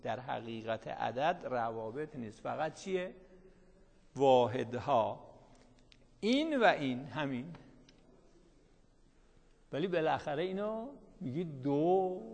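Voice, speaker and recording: A man whose voice is on the high side gives a classroom lecture with a big-room sound. After reading each line of the text, he explains it casually, regularly raising questions for the class that he answers himself.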